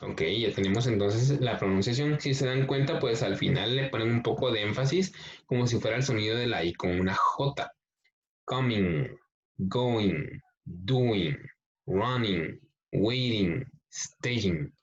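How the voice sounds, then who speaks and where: A male English teacher, explaining a workbook lesson slowly, step by step, and reading the exercises aloud. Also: medium pitch. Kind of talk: recorded class explanation. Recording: dull lo-fi recording.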